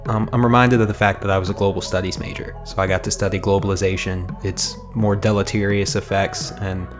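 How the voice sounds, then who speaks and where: A man hosting a podcast, introducing a guest and asking relaxed, friendly questions. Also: low-pitched, a little fast, over music. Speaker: podcast host.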